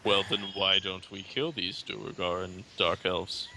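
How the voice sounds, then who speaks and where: A man's voice: deep voice, flat delivery, unhurried, background noise. A man playing a tabletop role-playing game, chatting casually as a player.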